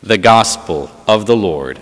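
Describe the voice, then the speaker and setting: Lowish-voiced priest in a reverberant church. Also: male voice, lively intonation. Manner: measured reading, then unscripted preaching with frequent uh fillers. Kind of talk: gospel reading and homily. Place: large church.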